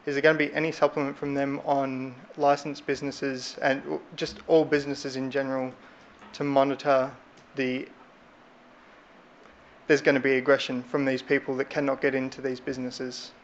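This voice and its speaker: Man, measured and halting public questioner, flat delivery, muffled audio with faint noise. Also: medium pitch. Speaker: licensed business representative questioning council. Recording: dull, faintly noisy meeting room audio.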